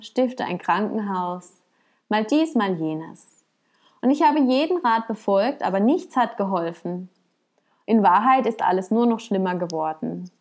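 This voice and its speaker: A woman's voice: medium pitch, a little mellow, close to an everyday voice. Woman doing a whiny, desperate rich man. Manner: complaining, wailing.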